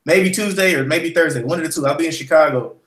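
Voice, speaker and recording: Rambling podcast co-host in an echoey room. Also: male voice, on the high side, fast. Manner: rambling, relaxed, full of shout-outs and fillers. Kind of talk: casual podcast chat.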